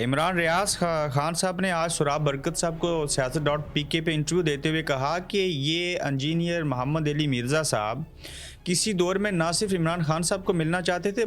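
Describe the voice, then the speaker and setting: A man's voice: a little high, fairly even intonation, moderate pace. A man, hosting an interview and putting direct, probing questions. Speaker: host, interviewer.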